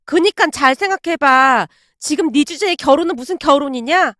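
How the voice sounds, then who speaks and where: A woman voicing a spiteful young woman friend who mocks bluntly, in a lively high voice. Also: normal speed, no room sound, studio quality. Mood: sneering. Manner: sneering, blunt.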